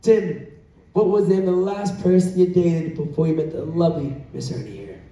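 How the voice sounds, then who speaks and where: Upbeat high-voiced male cruise director, echoey. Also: a little fast, dark tone, highs cut off. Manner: upbeat, teasing showman. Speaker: cruise director hosting a couples game show. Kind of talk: live game show hosting. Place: large indoor show venue on a cruise ship. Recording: echoey hall, distant, faint background noise.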